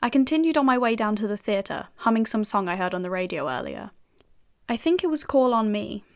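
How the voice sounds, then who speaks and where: A woman's voice: mid-range voice, big pitch swings, brisk. A cocky young female FBI agent narrating her own audio drama, dry sardonic wit, mid-range voice. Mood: wry. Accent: British. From United Kingdom.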